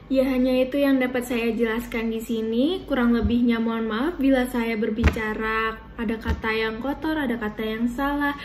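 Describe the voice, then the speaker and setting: A woman's voice: a little high, steady tone, moderate pace, background noise. A young woman, a university student from Indonesia, giving casual spoken tips to viewers in an informal, chatty way with many fillers. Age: young adult.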